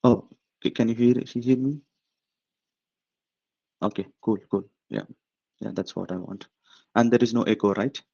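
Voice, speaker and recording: A man hosting a webinar on a video call, speaking haltingly with many fillers while he checks whether people can hear him. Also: fairly low pitch, vocal fry, mellow, lo-fi sound. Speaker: webinar host. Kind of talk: casual webinar setup chat. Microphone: computer mic on video call.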